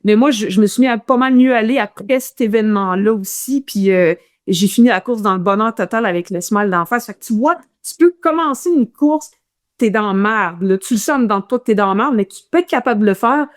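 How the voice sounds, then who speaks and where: A woman with a Quebec French accent, a runner telling a guest's stories in a casual interview, animated and full of restarts. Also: mid-range voice, fairly quick.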